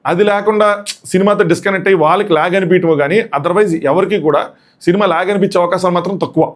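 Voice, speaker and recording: A man with a voice hoarse from shouting gives a casual, excited, rambling movie review and repeats his points. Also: a little high.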